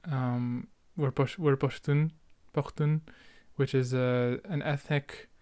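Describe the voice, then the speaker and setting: On his solo podcast, a young Canadian host in his late teens or young adulthood chats and reminisces in a rambling, self-interrupting way full of youthful slang. He talks slowly at medium pitch, with fairly even intonation and a darkish, clean tone on a dry recording.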